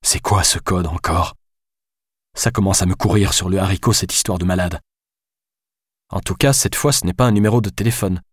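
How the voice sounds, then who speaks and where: A man's voice: low voice, normal speed, long pauses, husky, dry recording, studio quality. A man voicing a sarcastic young Frenchwoman on the run in an audiobook, firing off biting retorts. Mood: exasperated. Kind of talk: audiobook character voice.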